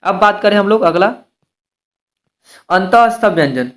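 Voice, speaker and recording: A man teaching grammar to exam students, his voice sitting noticeably high. He spells letters out slowly, one at a time, and poses rhetorical questions before answering them himself. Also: expressive, fairly bright tone. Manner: explains step by step, slows to spell out letters and asks rhetorical questions. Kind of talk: exam-prep grammar lesson.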